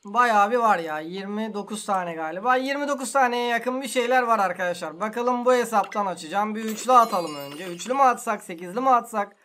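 A man's voice: high-pitched, fairly quick, few pauses, pushed and bright. A man hosting a gaming channel, giving casual gameplay commentary in an exasperated, complaining, slangy way.

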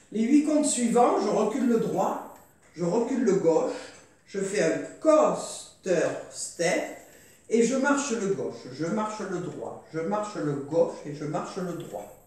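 Brief: female line dance teacher, slow, hesitant, counting steps aloud, far from the mic in a very echoey hall. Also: medium pitch, darkish tone.

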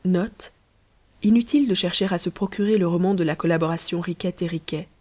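Woman reading a novel aloud. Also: on the low side. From Belgium. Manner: measured storytelling, lively dialogue. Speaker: audiobook reader. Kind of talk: scripted narration.

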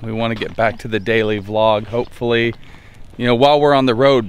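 A man in his forties talking to a handheld camera by a lake in a relaxed, chatty way, with soft laughs. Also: lowish voice, slight background noise. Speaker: family vlogger. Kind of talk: casual vlog talk to camera. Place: outdoors by a lake. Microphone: handheld camera at arm's length.

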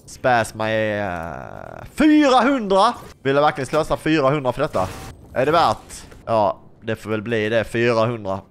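A man's voice: mid-range voice, fairly even intonation, a little hiss or hum. A young man giving casual gameplay commentary as a YouTuber, chatty and playful, often asking his viewers questions. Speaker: gaming YouTuber.

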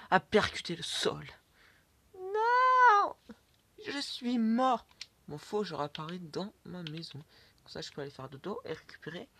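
This gaming YouTuber's voice is a little high and slightly rough. Narrating a Minecraft let's play, he chats to himself, swears, and occasionally drops to a whisper, with keyboard and mouse clicks audible behind him.

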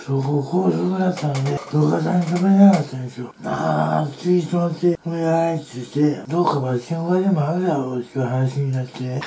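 A man's voice: a little high, fast, creaky, few pauses. A man telling rambling, chatty stories while eating on his vlog, speaking casually at home. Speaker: eating-show vlogger. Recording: roomy room with faint background noise.

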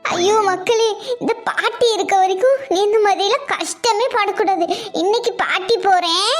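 A wily old grandmother, put on by a woman in a comedy skit, speaking in a very high, thin voice. She mutters darkly about her daughter-in-law and fusses over her grandchild. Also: moderate pace, faint music behind. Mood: doting. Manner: muttering suspicious asides, fussy and doting with the child. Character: scheming old mother-in-law, doting grandmother.

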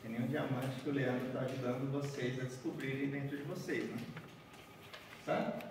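Level in tone and normal in speed, this medium-pitched man speaks over background noise. In his forties and from Bahia, Brazil, he hosts a chatty origami workshop for a seated audience in a large conference room, folding paper as he walks and asking "né?" and "certo?". No mic is seen; a far room camera catches the echoey hall.

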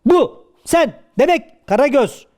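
A man's voice: extremely high pitch, animated, takes it slowly, darkish tone, exaggerated voice. A man voicing a bossy swordfish father. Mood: menacing. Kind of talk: shadow puppet play for children.

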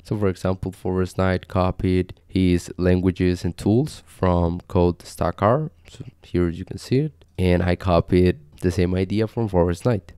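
A young man from Costa Rica hosting a casual screen-share coding tutorial, talking in a relaxed, conversational way with frequent fillers. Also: sits low, clear, resonant tone, no room sound. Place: small home desk setup indoors.

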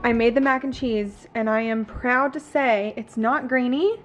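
Unhurried and fairly high-pitched, a twenty-something lifestyle vlogger speaks sincerely to the camera from her kitchen and couch at home, her casual talk sprinkled with "like" and "you know" while soft music plays.

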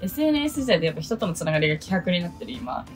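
A young woman in her twenties from Okinawa, chatting casually through a list of goals in a solo vlog, with a low voice and self-deprecating asides. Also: big pitch swings, rapid-fire, faint music behind. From Okinawa, Japan. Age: 20s. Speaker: idol producer and vlogger.

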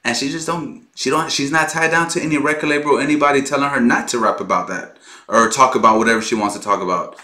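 A man hosting a music reaction video, talking casually and excitedly, swearing freely and laughing often. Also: medium pitch, quick pace, reverberant.

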